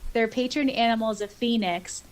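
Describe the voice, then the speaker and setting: A woman co-hosts a podcast, her voice fairly high and her pace a little quick. She chats casually and informally about fan topics and reads listener comments aloud, with a giggly streak running through it.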